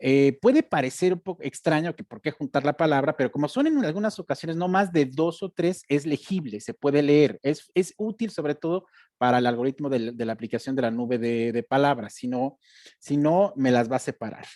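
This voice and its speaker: A man's voice: medium pitch, lively intonation, moderate pace, mellow, no echo, clean studio sound. A man, teaching a step-by-step screen-share lesson and checking in with his students as he goes. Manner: explanatory, addressing students directly with check-in questions. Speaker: instructor. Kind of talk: screen-share tutorial lecture.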